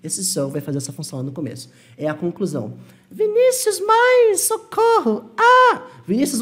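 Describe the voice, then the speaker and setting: A man with a Brazilian Portuguese accent teaching an English lesson, explaining patiently and slowing down to model English phrases. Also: high voice, darkish tone. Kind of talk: online language lesson.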